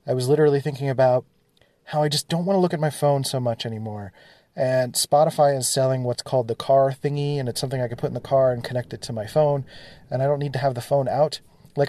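A man's voice: medium pitch, a little mellow, dry recording. A man hosting a solo podcast, thinking aloud casually with plenty of fillers, recorded on a phone in his studio. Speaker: podcast host.

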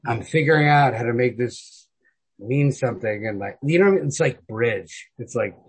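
A mid-range man's voice, slightly rough, at normal speed. On his podcast he talks about literature in a relaxed way, swearing freely, heavy on slang and emphasis, with "like" used over and over as a hedge.

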